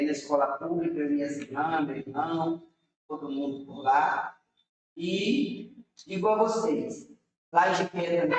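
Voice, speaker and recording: A woman with a low, slightly mellow voice, a city councilor from the interior of Bahia, Brazil, tells her story to young people in an earnest, rambling manner. The room is very echoey and she sits far from the microphone.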